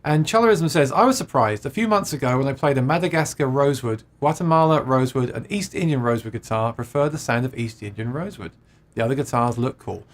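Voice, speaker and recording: A fast-talking, expressive man chats loosely about guitars on a live stream, reading out what viewers type. His voice is medium in pitch, and he frequently laughs and cuts himself off to restart.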